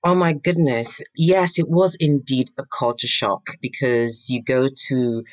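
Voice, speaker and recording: A woman's voice: very deep voice, fairly even intonation, unhurried, dry recording. A woman in her fifties from Nigeria answering interview questions in an earnest, emphatic, reflective way. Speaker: guest, pharma entrepreneur.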